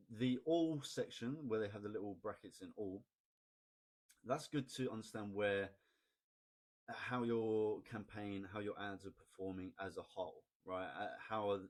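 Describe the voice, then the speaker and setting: A man explaining ad data in a casual, chatty screen-recorded tutorial, often asking "right?" and pausing on "um". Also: low-pitched. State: has the hiccups. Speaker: online marketing tutor.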